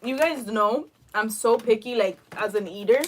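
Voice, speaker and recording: A woman's voice: a little high, moderate pace. A young woman co-hosting a live lunch stream, chatting casually while she eats and filling her talk with "like" and "literally". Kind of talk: casual chat while eating. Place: at home over lunch.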